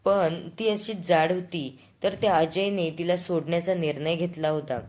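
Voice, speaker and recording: A woman's voice: fairly low pitch, steady tone, moderate pace, darkish tone, close to an everyday voice. A woman voicing a hurt, sulking young wife with a complaining, reproachful manner, in a spoken storybook retelling. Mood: explaining.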